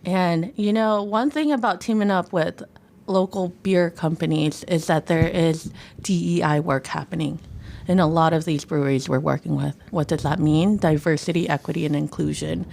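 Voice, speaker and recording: A young adult woman from Sonoma County, speaking as a guest in a casual podcast interview, earnest and relaxed. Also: lowish voice, vocal fry. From Sonoma County, California. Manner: earnest, relaxed, uses "y'all" and "folks". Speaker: guest, nonprofit co-director.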